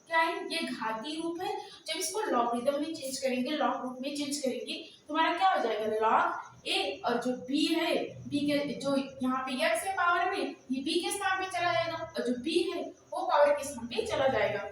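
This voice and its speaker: A woman teaching a math lesson who keeps asking questions and answering them herself, drawing out formulas slowly as she dictates them. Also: high voice, animated, a little hiss or hum. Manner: slow, drawn-out dictation of formulas. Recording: very echoey room, voice from far off.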